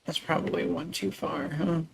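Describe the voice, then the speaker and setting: A man hosting a relaxed gaming livestream, soft-spoken and unhurried, chatting to viewers as he builds and chuckling often. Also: fairly high pitch, vocal fry, background noise. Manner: talks through building steps to viewers. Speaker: livestream host.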